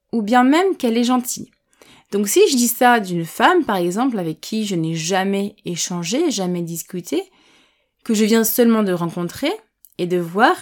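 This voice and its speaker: A woman gives a vocabulary lesson, taking each word in turn and explaining it with patient, everyday examples. She speaks slowly and distinctly so that learners can follow, in a clear mid-pitched voice. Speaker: French language teacher.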